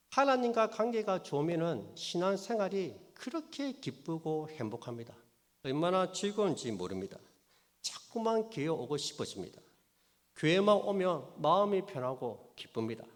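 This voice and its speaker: A male pastor preaching a sermon, putting rhetorical questions to his congregation. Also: fairly high pitch. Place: church sanctuary. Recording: long church hall reverb.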